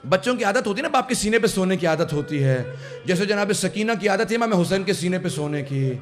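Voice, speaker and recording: A man's voice: high voice, expressive. A man preaching a mourning sermon who tells the story to the gathering and builds into impassioned, tearful recitation. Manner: addresses the audience directly. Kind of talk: Urdu majlis sermon. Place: religious centre hall.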